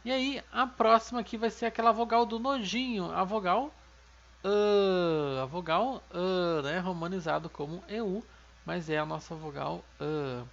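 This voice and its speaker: A woman's voice: fairly low pitch, moderate pace, vocal fry, fairly bright tone, muffled recording, slight background noise. Patient Brazilian woman teaching a lesson. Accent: Brazilian Portuguese. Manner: patient, explanatory, often adds "né?". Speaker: Korean language teacher. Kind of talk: online video lesson.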